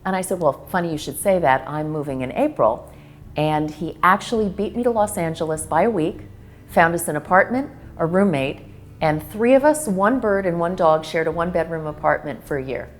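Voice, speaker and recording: A woman's voice: on the low side, animated, brisk. A woman telling her story in a documentary interview, matter-of-fact and conversational. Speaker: interviewee, business partner.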